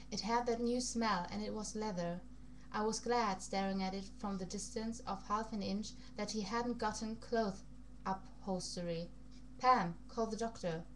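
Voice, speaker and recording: Casting: woman, amateur audiobook-style reader, put-on foreign accent, occasional stumbles, slight hum and noise on the recording. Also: mid-range voice. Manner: stumbles over words and rereads phrases. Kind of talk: amateur reading aloud of a vampire novel. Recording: noisy recording with background hum.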